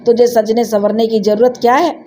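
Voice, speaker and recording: A strict old grandmother, played by a woman telling the story, who keeps a close eye on the girl and scolds her firmly. The voice is mellow and a little high. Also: level tone, a little fast, slight background noise, natural voice. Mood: scolding.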